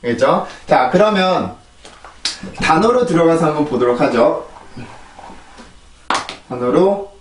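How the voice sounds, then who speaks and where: A man's voice: fairly high pitch, animated, measured pace, long pauses, echoey room, distant mic, slight background noise. A man giving a patient pronunciation lesson, explaining each sound and repeating it for practice. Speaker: English pronunciation teacher.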